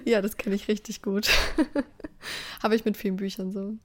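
A young woman co-hosts a relaxed conversational podcast. She talks in an easygoing, rambling way and often laughs softly between thoughts. Her voice sits at an ordinary middle pitch. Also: measured pace. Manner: chatty, laughs often, trails off with fillers. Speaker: podcast co-host. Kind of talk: casual chat.

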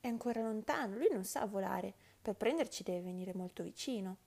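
A woman's voice: medium pitch, fairly quick, gravelly. A woman doing a curious young sparrow. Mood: boastful. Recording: loud background music.

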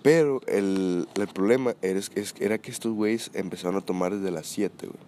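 A man with a Mexican accent telling a story in casual chat, slangy and animated, often swearing. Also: low voice, brisk, a little hiss or hum. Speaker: podcast co-host telling a story.

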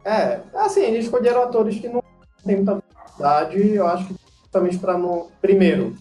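Excitable man in an echoey room. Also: high voice, a little fast. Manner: enthusiastic, laughs often. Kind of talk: casual movie chat. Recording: echoey room with faint music.

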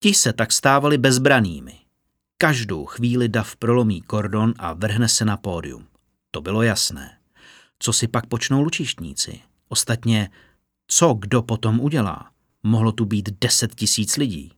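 A man narrating a fantasy story in a steady, measured audiobook reading. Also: lowish voice, dry recording, studio quality.

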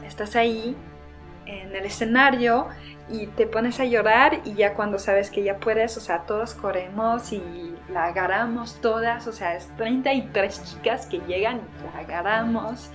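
A young woman from France telling a personal story about competing in a beauty pageant in a casual, lively way. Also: mid-range voice, measured pace, faint music behind. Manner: lively, quotes herself and others in acted voices. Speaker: former pageant contestant.

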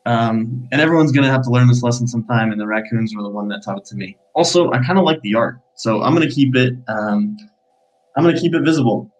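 A man on a casual podcast, talking in a reflective, wry and unhurried way. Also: mid-range voice, poor audio. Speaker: podcast co-host.

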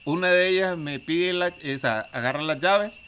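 A man's voice: on the high side, normal speed, bright, forceful tone, a little hiss or hum. A man animatedly telling a long, slangy story in casual chat, acting out what other people said.

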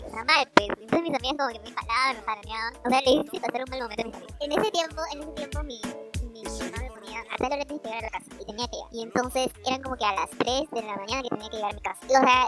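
A woman's voice: on the high side, rapid-fire, few pauses. A young woman telling rambling, self-correcting stories in a casual chat with friends. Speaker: storyteller in a group chat. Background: background music.

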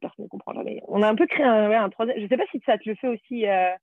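A woman's voice: medium pitch, rapid-fire, no echo. A French-speaking woman in casual conversation, chatty and full of fillers, telling stories from her own life. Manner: chatty, storytelling, many fillers. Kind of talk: casual chat. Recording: tinny phone-like line.

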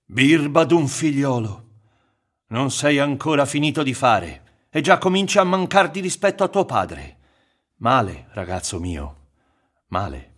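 A man voicing a poor, touchy old woodcarver in a strained, raised voice that sometimes drops to a hush. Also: high voice, wildly swooping pitch, measured pace, pitched above the performer's own voice, full character voice. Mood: rueful.

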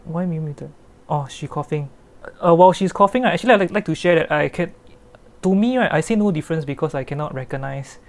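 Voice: medium pitch, fairly quick, vocal fry. A host with a Singaporean accent chatting casually about films in a group voice chat, joking and laughing often. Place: remote voice chat.

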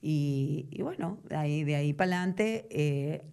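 A middle-aged actress from Venezuela with a Venezuelan accent, telling stories animatedly in a casual interview. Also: female voice, sits low, takes it slowly, creaky, smooth. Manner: animated storytelling, quoting others in lively voices.

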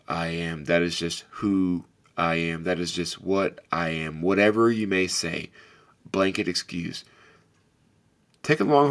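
A podcast host gives a reflective motivational talk, addressing the listener earnestly and directly. His big, carrying voice sits low with a slightly bright quality.

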